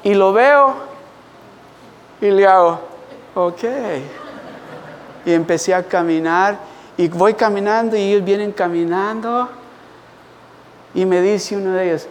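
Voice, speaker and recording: A man preaching a sermon as pastor, an animated storyteller calling on the congregation to respond. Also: sits high, a little slow, pauses often, in a large hall, slight background noise.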